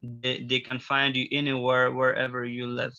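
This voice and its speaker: Bright crisp-voiced young man, earnest. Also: medium pitch, monotone. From Afghanistan. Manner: earnest, halting, searching for words. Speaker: student speaker at a community briefing. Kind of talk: personal testimony on a video call. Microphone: video call. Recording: dull lo-fi video call audio.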